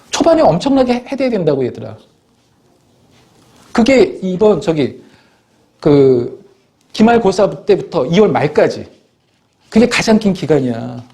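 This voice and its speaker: Animated, stammering male teacher. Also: high voice. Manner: animated, scolding, acts out students and parents in quoted voices; stammers and restarts often. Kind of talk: motivational classroom talk.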